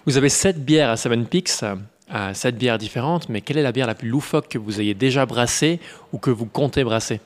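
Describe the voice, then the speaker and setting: Man hosting a podcast, clear announcing voice. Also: mid-range voice, normal speed, few pauses. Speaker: podcast host, interviewer. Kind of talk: scripted podcast intro and interview.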